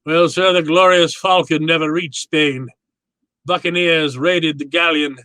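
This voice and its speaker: A man's voice: a little high, steady tone, unhurried, pushed and bright, smooth, no room sound. A man playing a courtly, genial crime boss in a radio drama, telling his tale in a florid, grandly polite manner. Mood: gleeful, relishing.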